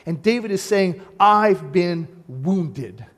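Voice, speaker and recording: A man preaching a sermon as pastor, animated and speaking straight to his congregation, acting out the voices he quotes. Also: high-pitched, slow pace. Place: church sanctuary. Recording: long hall reverb.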